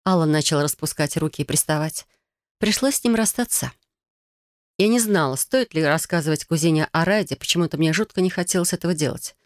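A woman narrating a first-person story as an audiobook, in a measured, even storytelling manner. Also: sits low, no echo, studio quality.

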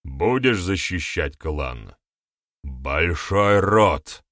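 A man doing a stern, forceful war chief. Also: low-pitched, lively intonation, very slow, dry recording, studio quality, heavily acted. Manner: forceful, emphatic. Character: stern middle-aged male war chief, commanding.

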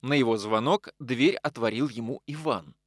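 A man narrating an audiobook in a measured, expressive reading. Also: mid-range voice, no echo, studio quality.

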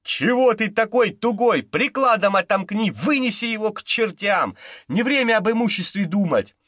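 A man's voice: sits high, expressive, moderate pace, a bit bright, no echo, pitched above the performer's own voice. Brusque male gang boss barking orders, raised voice, close dry sound, as a man reads him. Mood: commanding. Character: tough commanding male gang boss, adult.

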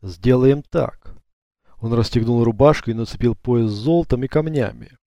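A man reads an audiobook in a steady, even way. His voice is mellow and fairly dark, at a middle pitch. The recording is close and dry. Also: fairly quick, dry recording. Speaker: narrator. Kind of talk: audiobook narration.

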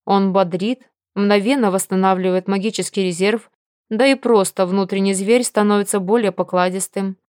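A woman's voice: mid-range voice, fairly even intonation, moderate pace, a little mellow, no room sound. Woman reading an audiobook, dry sound. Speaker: audiobook narrator. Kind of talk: scripted first-person narration.

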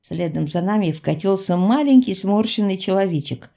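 A woman narrating a first-person audiobook in a wry, expressive storytelling manner. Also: medium pitch, moderate pace, gravelly.

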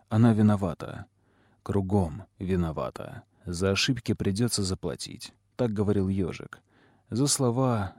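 A man narrating a fantasy novel in an even storytelling manner. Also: fairly low pitch, dry recording, clean studio sound. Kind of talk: audiobook narration.

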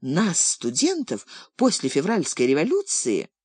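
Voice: medium pitch, big pitch swings, unhurried, breathy edge, no echo, voice pushed up. A narrator voicing a strict, sceptical elderly grandmother in an audiobook, with curt, stern scolding. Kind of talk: audiobook character reading.

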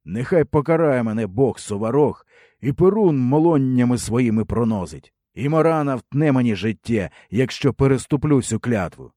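A male audiobook narrator voicing a solemn young prince, low and grave. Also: lively intonation, normal speed, warm tone, no room sound, studio quality, natural voice. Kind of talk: audiobook character voice.

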